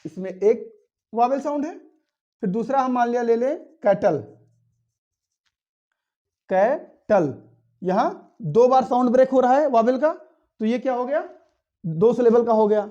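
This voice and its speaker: A man teaches a grammar lesson step by step, posing questions to his students and answering them himself. His voice is mellow, and the recording sounds slightly dull and lo-fi. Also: very high voice, normal speed.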